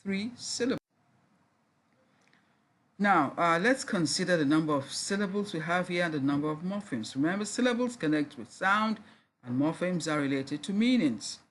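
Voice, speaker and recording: Here the lecturer's medium-pitched voice is expressive and fairly bright as he gives a recorded university lesson. He takes it slow and deliberate, sounding out each word twice and spelling letters aloud.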